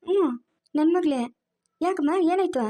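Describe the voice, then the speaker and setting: A woman with a rural Karnataka Kannada accent, speaking in acted family drama dialogue with quick, scolding and coaxing colloquial talk. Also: very high voice, mellow.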